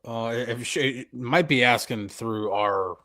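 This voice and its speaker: A mid-range, sharp-toned male voice takes its time as a co-host of a live sports podcast. Agreeable and easygoing, he readily goes along with others while analytically breaking down football coaching options.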